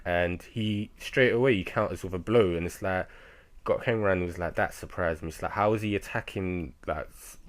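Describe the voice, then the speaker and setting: A young man casually recapping a manga chapter, rambling and excitable, with lots of fillers and laughs. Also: low voice. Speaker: manga reviewer.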